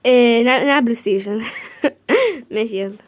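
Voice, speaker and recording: A woman with an Egyptian accent acts out a whole homemade drama by herself, jumping quickly from one character's voice to the next. Her voice sits high and keeps a lively, playful pace throughout. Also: highs cut off. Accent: Egyptian Arabic. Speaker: creator playing every part in a homemade series. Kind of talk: homemade role-play drama.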